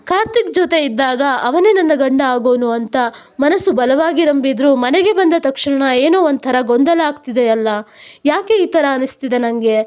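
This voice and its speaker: High-voiced woman narrating a story. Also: expressive, moderate pace, darkish tone. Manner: reads all characters' lines herself with small voice changes. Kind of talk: storybook narration with acted dialogue. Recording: dull lo-fi sound.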